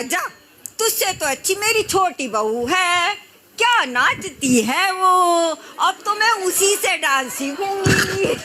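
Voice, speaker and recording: Woman as a shrill, scolding mother-in-law, bright high voice, slow and theatrical, amateur stage comedy. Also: a little hiss or hum, exaggerated voice. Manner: scolding, melodramatic wailing. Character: nagging bossy mother-in-law.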